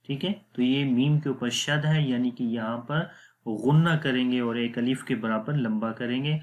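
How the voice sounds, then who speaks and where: A man's voice: medium pitch, a little mellow. Patient male Quran reading teacher. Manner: patient, repeats rules slowly and plainly. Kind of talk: step-by-step tajweed lesson.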